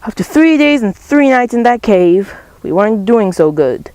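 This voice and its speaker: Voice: mid-range voice, big pitch swings, normal speed, darkish tone, dry recording, natural voice, low-quality recording. A student voicing Tom Sawyer, a bold boy retelling his adventures in a school character play. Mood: proud.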